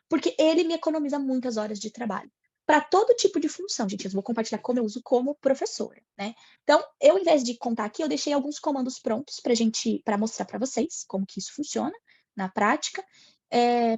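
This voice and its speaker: Chatty Brazilian teacher, high husky voice. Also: female voice, a little fast, no echo. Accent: Brazilian Portuguese. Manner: lively, chatty, often reads out her prompts. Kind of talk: online teacher training talk.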